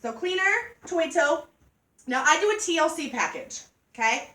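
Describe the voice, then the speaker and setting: A woman giving a joking, animated sales demonstration to a group of women. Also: high voice, moderate pace. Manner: chatty, joking, animated storytelling. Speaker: party product consultant. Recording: echoey room from far off.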